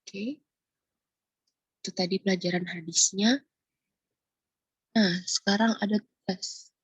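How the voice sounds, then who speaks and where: A woman teaching a recorded religion lesson to primary pupils, gentle and patient, with many filler pauses. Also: medium pitch, fairly even intonation, husky, dry recording. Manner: asks questions and answers them herself. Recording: dull lo-fi recording, dry.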